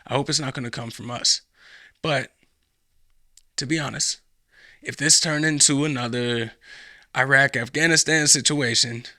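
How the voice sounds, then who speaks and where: A man's voice: mid-range voice, vocal fry, pushed and bright, dry recording, clean studio sound. A young American man giving casual political commentary as a podcast host, rambling and often restarting his sentences. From United States. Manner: rambling, repeats himself, frequent restarts.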